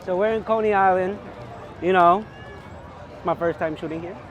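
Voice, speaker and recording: A young New York man chats playfully in slang while out doing street photography on a busy urban beachside boardwalk. His voice is high-pitched and moderately paced, the highs are cut off, and crowd and street noise fill the recording.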